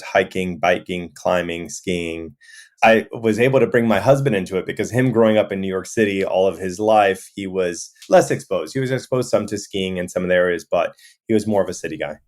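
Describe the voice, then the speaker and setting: A man from Miami with a notably deep voice talks through an interview in a relaxed, conversational way. He strings his thoughts together loosely, with plenty of "you know" fillers as he goes. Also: normal speed. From Miami, USA. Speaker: guest, resort owner.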